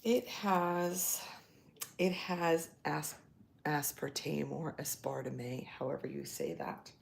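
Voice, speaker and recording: A woman's voice: lowish voice, huge pitch swings, takes it slowly, gravelly, slight background noise. A woman hosting a casual cooking livestream from a home kitchen, thinking aloud and unsure as she works. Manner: hesitant, thinking aloud while working. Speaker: lifestyle channel host. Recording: echoey room with loud kitchen clatter. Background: dishes and cutlery clatter.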